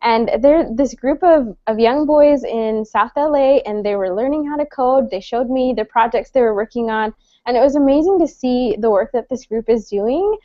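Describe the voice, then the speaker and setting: A Salvadoran woman in her thirties moderates an online panel, keeping it friendly and chatty with lots of fillers and restarts. Her voice is a little high and mellow, at a moderate pace, with no room sound. The recording is dry, dull and lo-fi.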